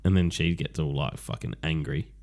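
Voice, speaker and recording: A man's voice: extremely low pitch, steady tone, moderate pace, gravelly, a little mellow. A man co-hosting a podcast, retelling a TV plot bluntly with swearing and acted-out quotes. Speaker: podcast co-host. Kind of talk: casual chat recapping a TV show.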